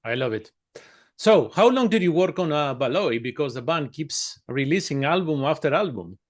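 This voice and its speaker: Friendly interviewer from Greece. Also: male voice, fairly high pitch, lively intonation, normal speed. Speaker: interviewer, host. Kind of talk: casual interview.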